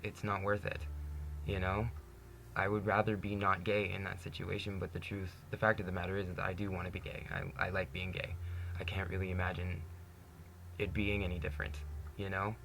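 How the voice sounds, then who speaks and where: Low gravelly young man talking candidly. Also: monotone, a little fast, a bit bright, a little hiss or hum. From Canada. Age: 20s. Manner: earnest, candid, says "you know" constantly, laughs often. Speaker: vlogger. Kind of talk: personal monologue to camera.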